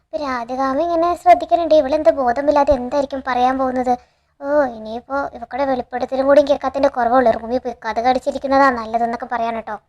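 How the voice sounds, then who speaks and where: A woman's voice: sits high, fairly even intonation, darkish tone, highs cut off. A woman retelling a TV serial episode in a chatty, eager way, quoting the characters' lines as she goes. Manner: chatty, tags sentences with a friendly filler; quick, eager storytelling with quoted dialogue. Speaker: TV serial recap narrator.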